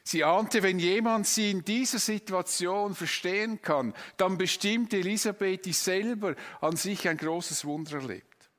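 A somewhat high-voiced man takes his time, unfolding a Bible story word by word like a preacher. His delivery is deliberate and explanatory, and he leans on the important words. His voice rings out in a hall with a long trailing reverb. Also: fairly bright tone. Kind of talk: slow, emphatic Bible storytelling with a map.

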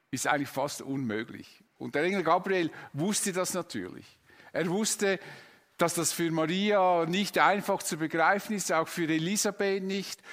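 A man retelling a Bible story as a preacher, explaining deliberately and stressing key words. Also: a little high, fairly bright tone, long reverb tail. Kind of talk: slow, emphatic Bible storytelling with a map.

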